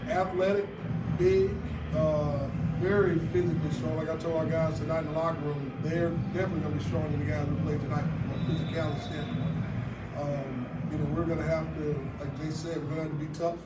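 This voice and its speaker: A middle-aged man, a head basketball coach, answering questions at a post-game press conference in a measured way with many filler words. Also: fairly high pitch, flat delivery. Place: press room, seated at table before a sponsor backdrop. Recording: roomy distant sound with loud background noise.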